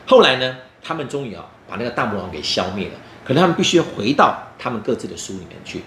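A man with a Taiwanese Mandarin accent talks very quickly and animatedly to young children, playfully teaching through questions. He hosts a book talk in a roomy, echoing space with a little background noise. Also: mid-range voice, sing-song, fairly bright tone. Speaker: children's story show host.

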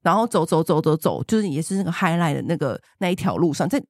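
A woman, co-hosting a podcast and telling a travel story in a gushing, animated way. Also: sits low, quick pace, dry recording, clean studio sound. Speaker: podcast co-host. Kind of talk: casual chat, travel storytelling.

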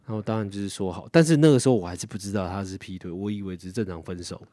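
Animated, swearing man. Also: sits low, very fast, no room sound. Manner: animated storyteller who swears and acts out quoted friends. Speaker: podcast co-host. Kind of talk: casual chat.

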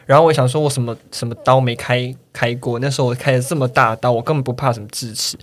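A man's voice: medium pitch, fast. A man, co-hosting a casual chat and telling stories animatedly. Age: 30s. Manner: animated storytelling, acts out quoted people. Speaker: podcast co-host.

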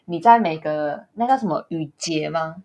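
A woman with a Taiwanese Mandarin accent co-hosting a casual podcast chat, calmly and patiently explaining things. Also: deep voice, moderate pace. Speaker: podcast co-host.

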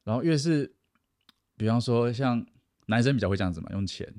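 A man's voice: medium pitch, animated, fairly quick, darkish tone, no room sound, studio quality. A man giving casual advice, chatty, acting out boastful people and laughing at himself. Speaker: self-help speaker.

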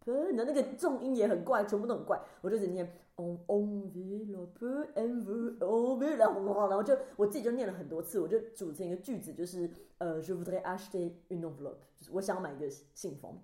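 A woman co-hosting a casual chat podcast, telling lively stories and acting out the scenes she describes. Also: medium pitch, racing, hardly any pauses. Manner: animated storyteller, acts out scenes. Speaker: podcast co-host. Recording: roomy echo.

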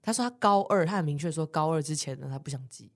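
Low-voiced and fast-talking, the woman co-hosting this podcast spins a lively story in relaxed conversation. She swears freely, laughs a lot and imitates the people she's quoting.

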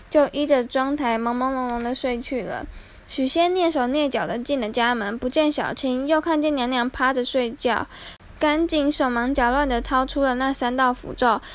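A woman narrates a classic folktale in a high, clear voice. She reads in a measured, dramatic way and slows down over tense moments. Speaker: storyteller. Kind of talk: scripted storybook narration.

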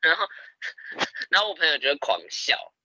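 A young man, telling stories in a casual podcast chat, animated and laughing often. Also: a little high, moderate pace, no room sound, dull audio. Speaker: podcast co-host.

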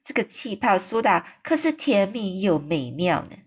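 A woman voicing a big friendly male giant who exclaims and stretches his words out slowly. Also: medium pitch, sing-song, slightly rough. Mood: excited. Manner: exclaiming, drawn-out slow emphatic phrasing.

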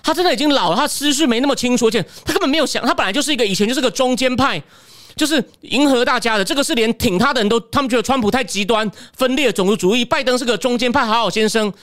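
A man's voice: very high-pitched, racing, a bit bright, no echo, studio quality. A man with a Taiwanese Mandarin accent hosting a solo political commentary show, opinionated and firing rhetorical questions at the viewer.

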